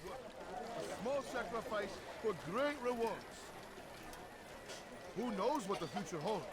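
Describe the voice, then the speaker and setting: A man's voice: high voice, animated, takes it slowly. An actor playing a zealous street orator in a video game, proclaiming and persuading like a salesman to a crowd. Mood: persuasive, proclaiming. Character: zealous male street orator preaching a patron's promises to crowds.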